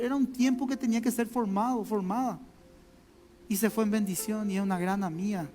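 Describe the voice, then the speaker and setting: A man's voice: high-pitched, warm tone. A man with a Paraguayan Spanish accent, a pastor giving a conversational sermon full of personal stories, often repeating his words and speaking straight to the congregation. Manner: conversational, repeats words, addresses listeners directly. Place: church sanctuary. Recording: long hall reverb, faint music.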